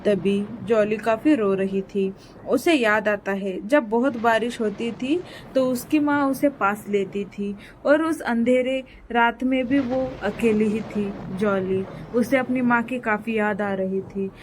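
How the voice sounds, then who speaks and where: A woman's voice: a little high, takes it slowly, a little hiss or hum. Woman narrating a kids' story.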